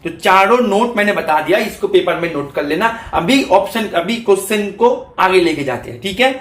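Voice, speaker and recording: A man's voice: high voice, lively intonation, moderate pace, roomy sound. A man teaching a math lecture for exam preparation. He explains step by step in Hindi mixed with terms, often checking that students follow.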